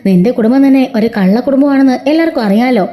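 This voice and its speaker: A woman's voice: sits high, lively intonation, quick pace, warm tone. A woman reading a sneering, accusing mother-in-law. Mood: scornful. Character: scornful accusing middle-aged mother-in-law.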